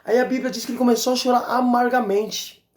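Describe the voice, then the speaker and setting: A man preaching a fervent sermon as an evangelist, exhorting and repeating his points with shouts of praise. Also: extremely high pitch, level tone, fast talker. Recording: roomy echo.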